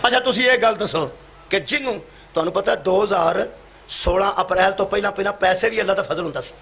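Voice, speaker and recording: A man preaching a sermon, acting out dialogue and rising to shouts. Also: sits high, fast talker, creaky. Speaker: Shia cleric giving a majlis sermon. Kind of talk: sermon to a live gathering. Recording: live hall with loud crowd. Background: crowd responses.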